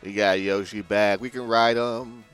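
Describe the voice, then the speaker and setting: Game music plays behind a Puerto Rican man hosting a gaming video, who gives casual let's-play commentary in a laid-back manner, full of crude jokes and mumbled asides. His voice is lowish, smooth and a bit bright, with a steady tone and a slightly slow pace.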